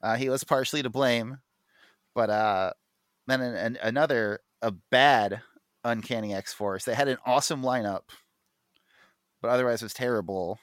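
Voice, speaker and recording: A man's voice: medium pitch, normal speed, long pauses, a bit bright, no echo. Man, podcast co-host, mid-range voice, dry close sound, rambling fan enthusiasm. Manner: rambling, enthusiastic, many fillers and restarts. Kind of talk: casual comic book chat.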